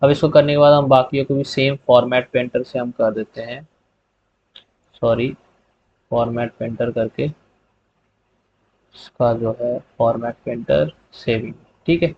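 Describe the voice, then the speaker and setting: A man with a voice of middle pitch explains a spreadsheet tutorial step by step over a screen recording. His delivery is relaxed and repetitive, checking in with a quick "okay" as he goes. The recording sounds a little dull and lo-fi. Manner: relaxed step-by-step explaining, repeating "theek hai" often. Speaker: tutorial host.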